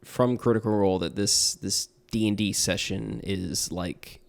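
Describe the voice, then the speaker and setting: A man's voice: on the low side, steady tone, measured pace, gravelly. A young man talking casually on a podcast about tabletop games, earnest and rambling with restarts and fillers. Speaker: podcast guest, tabletop player and game master.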